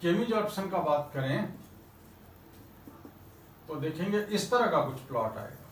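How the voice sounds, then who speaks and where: A male chemistry teacher with a Hindi accent lectures in a fairly high voice. He mixes English terms into his explanations, addresses students fondly and answers his own questions. The classroom sounds echoey, with faint noise behind him. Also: animated, unhurried.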